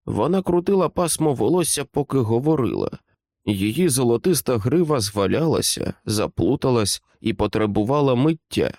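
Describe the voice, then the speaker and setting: Man, audiobook narrator, calm storytelling, lively intonation, dry close mic. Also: medium pitch, normal speed, dry recording.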